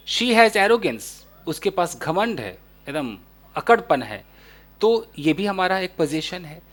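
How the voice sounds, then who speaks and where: A man teaching an English lesson, his pitch rising and falling in an animated way. He explains in a casual, chatty style and slows down to read each English example sentence with care. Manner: lively explaining, reads English examples slowly and deliberately. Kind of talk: spoken English lesson in Hindi.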